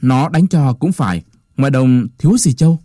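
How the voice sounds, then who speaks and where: A man's voice: medium pitch, animated, moderate pace, dark tone, no echo, clean studio sound, natural voice. A man playing a harsh, domineering district mandarin who barks and scolds. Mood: scolding. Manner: barking, scolding.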